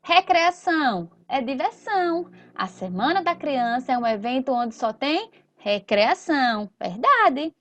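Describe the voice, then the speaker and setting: Teacher, female, unhurried deliberate delivery, stretches out each word. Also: sits high, big pitch swings, fairly bright tone, muffled recording. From Sergipe, Brazil. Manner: slow, drawn-out and explanatory, with frequent tag questions. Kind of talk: recorded school lesson.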